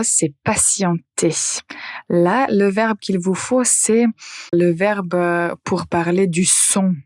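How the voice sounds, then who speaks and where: A woman hosting a language-lesson podcast, speaking slowly and repeating each example sentence for learners. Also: fairly low pitch, a little mellow, no room sound, clean studio sound. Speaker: language teacher and podcast host. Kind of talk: slow, careful French lesson podcast.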